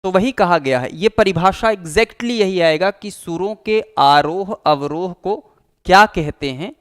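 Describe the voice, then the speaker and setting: A man's voice: high voice, lively intonation, measured pace, fairly bright tone, smooth. A man teaching an exam-prep Hindi grammar lesson, explaining patiently, repeating key terms and acting out example phrases.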